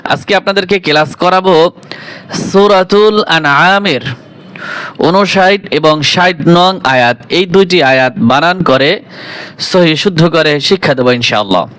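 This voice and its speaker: A man's voice: on the high side, measured pace, fairly bright tone, clear, resonant tone, no room sound. A man teaching Quran reading, spelling each letter and vowel sign syllable by syllable, then chanting the verse melodically.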